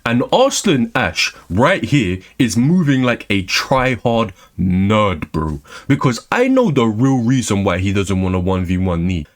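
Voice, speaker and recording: A young man ranting about gaming with a sarcastic, profane edge. His pitch swings widely, jumping high in mock outrage and then dropping low at the ends of his lines. He sounds casual and full of contempt. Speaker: gaming commentary youtuber. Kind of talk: ranting commentary.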